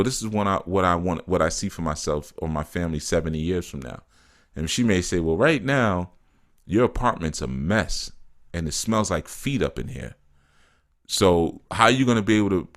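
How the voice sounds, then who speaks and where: Answering live chat, a man with a low-sitting voice talks a little fast and animatedly as a spiritual teacher. He reads comments out loud and responds casually, laughing frequently and dropping "you know" and "man."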